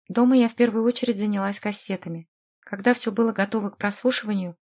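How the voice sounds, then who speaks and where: A woman narrating a novel in the first person, in a measured, even storytelling manner. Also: mid-range voice. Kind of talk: scripted audiobook narration.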